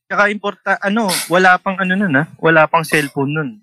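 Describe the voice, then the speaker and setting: A man in casual, animated chat with friends, laughing often. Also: high-pitched, brisk, dry recording.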